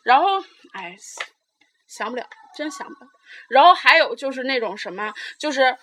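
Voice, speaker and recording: High, bright-voiced woman. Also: expressive, moderate pace, a little hiss or hum. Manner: chatty, rambling with many fillers. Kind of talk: casual chat, storytelling.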